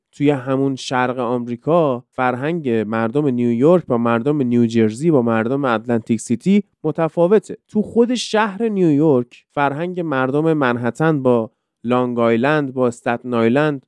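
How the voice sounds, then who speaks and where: A man's voice: medium pitch, darkish tone, clear, resonant tone, dry recording. A man hosting a casual podcast lesson, explaining with many examples and rhetorical questions. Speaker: podcast host teaching English.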